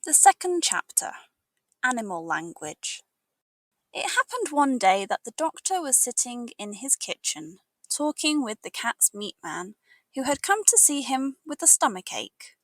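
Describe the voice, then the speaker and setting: With a fairly high pitch and no echo, a British woman narrates a storybook for learners as an English teacher, reading in an expressive, deliberate way.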